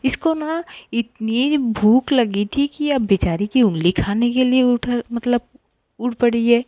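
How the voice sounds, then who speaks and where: A woman's voice: fairly high pitch, slow, warm tone, no room sound. A woman voicing a bossy, teasing middle-aged aunt who scolds and mocks in a rambling way.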